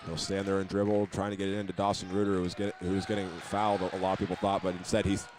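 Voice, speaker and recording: This American play-by-play man has a deep voice, a level tone and a fast delivery. With noise in the background, he calls the basketball game live, move by move in the present tense.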